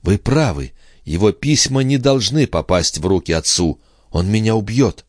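A man's voice: fairly low pitch, expressive, moderate pace, a little mellow, dry recording, clean studio sound, voice pushed up. A man voicing a fretful young country girl. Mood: anxious. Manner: pleading, fretful, shifting to whispers.

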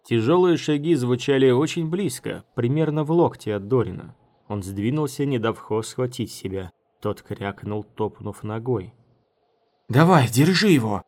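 A man reading an audiobook aloud in scripted narration. His voice sits at an ordinary middle pitch. He keeps a steady, even storytelling pace. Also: normal speed.

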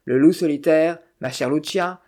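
A narrator voicing an elderly, ailing American man with a strong, sonorous voice and a good-natured, deadpan manner. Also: medium pitch, a little fast, lightly acted. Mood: genial.

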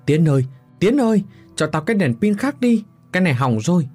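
A man voicing a brave, determined young official in a horror story, calling out with a husky voice. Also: mid-range voice, big pitch swings, moderate pace, soft background music. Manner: determined, shouting.

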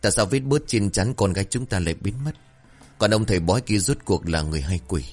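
A man's voice: fairly low pitch, quick pace, faint music behind. A man voicing a worried middle-aged village mother who keeps pressing with anxious questions. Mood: troubled.

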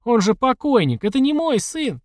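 A man's voice: very animated, fast talker, darkish tone, no room sound, clean studio sound. A man voicing a terrified young mother who pleads and shrieks in panic. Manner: pleading, shrill.

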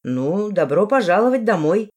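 A woman's voice: mid-range voice, sing-song, normal speed, darkish tone. A woman reading aloud, voicing a weary, blunt elderly village woman. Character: massive old village matriarch, gruff and weary.

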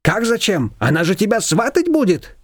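A man doing a pushy, shrill matchmaking neighbor woman. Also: huge pitch swings, dry recording, studio quality, full character voice. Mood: bossy. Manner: pushy, scolding, rapid-fire demands. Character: bossy loud middle-aged female neighbor, matchmaking meddler.

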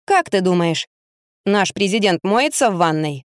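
A woman voicing an excitable, cheeky young boy who shrieks and wails when upset, in an audiobook reading. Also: mid-range voice, a little slow, smooth, no echo, clean studio sound, lightly acted. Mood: curious musing. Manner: shrieking, wailing in outrage. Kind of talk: audiobook character voice.

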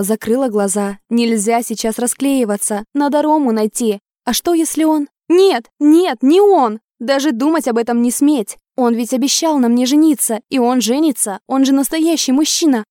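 A woman's voice: a little high, warm tone, dry recording, studio quality. A woman reading a first-person novel aloud, tense and emotional. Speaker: audiobook reader.

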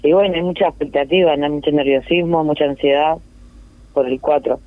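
A woman's voice: low voice, steady tone, brisk. A woman with a Uruguayan accent, speaking on the phone in an interview, hesitant with many fillers and restarts. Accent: Uruguayan Spanish. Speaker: neighborhood representative interviewed by phone. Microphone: telephone. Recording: tinny dry phone line.

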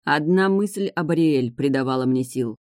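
A narrator reading a first-person fantasy tale in a lively, wry manner at a middling pitch. The recording is close and dry, with no room echo. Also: normal speed. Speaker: audiobook narrator.

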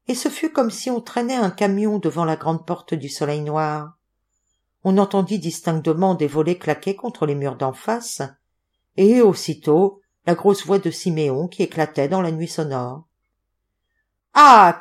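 A woman reading a classic novel aloud as an audiobook, with an expressive delivery. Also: fairly low pitch. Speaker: audiobook reader.

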